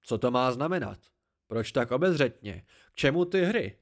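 A man's voice: mid-range voice, animated, lightly acted. A man voicing an ancient, haughty tree-spirit oracle with a cold, dry, disdainful voice.

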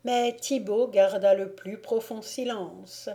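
Brief: female audiobook narrator, calm and measured, slow, warm-toned. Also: medium pitch. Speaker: audiobook reader.

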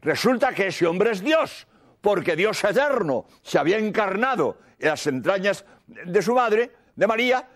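A man delivers a sermon in a high, lively voice that swoops up and down. He is emphatic and hammers his points home by repeating them. He explains doctrine through plain everyday examples. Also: unhurried. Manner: emphatic, repeats key phrases. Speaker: priest.

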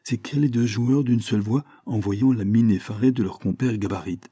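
Deep, dark-voiced male storyteller. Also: husky, dry recording. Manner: measured, expressive storytelling. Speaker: reader. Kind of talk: literary short story reading.

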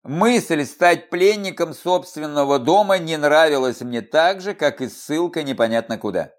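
Guy reading a fantasy audiobook, first person, wry, voice goes up and down a lot, a bit high. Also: lively intonation, measured pace. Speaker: audiobook narrator.

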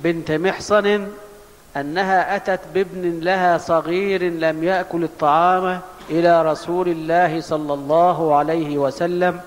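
A man with a high voice recites hadith and their chains of narrators in careful formal Arabic. The recording carries a long hall reverb. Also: fairly even intonation, normal speed. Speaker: student reading hadith aloud.

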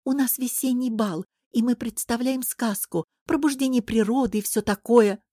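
A woman's voice: fairly high pitch, moderate pace, mellow, dry recording, studio quality, voice pushed up, close to an everyday voice. A woman voicing a gushing, frivolous princess. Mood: breezy. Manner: breezy, enthusiastic, impatient. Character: gushing, frivolous young court lady princess. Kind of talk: audiobook character voice.

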